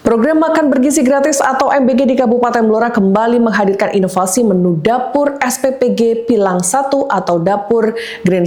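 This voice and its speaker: A woman's voice: on the high side, a little mellow, roomy sound. A woman news anchor reading a formal, scripted introduction to a report.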